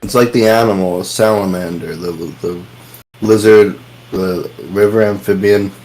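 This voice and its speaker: Lower-voiced man with dry teasing. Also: fairly even intonation, normal speed, darkish tone, low-quality recording. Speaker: podcast co-host. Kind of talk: casual chat.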